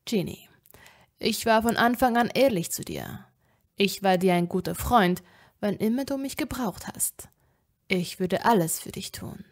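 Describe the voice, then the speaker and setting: A woman voicing a charming, sinister young male wizard who speaks softly and insistently. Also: medium pitch, expressive, a little slow. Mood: coaxing. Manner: soft, insistent, menacing.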